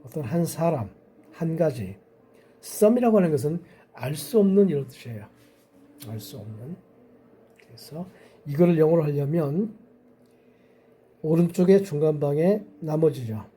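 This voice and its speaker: Male English grammar teacher, slow, deliberate, very dark mellow tone with a husky edge. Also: fairly high pitch, animated. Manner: slow, step-by-step, slowly spelling out English example sentences. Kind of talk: explaining lesson to parents and teachers.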